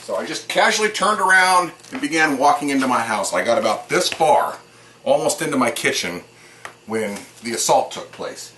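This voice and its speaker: A man's voice: medium pitch, animated, normal speed, bright, forceful tone, a little hiss or hum. A man telling a personal account to the camera inside his house, in a plain, earnest way with many fillers. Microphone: camera set up in the room.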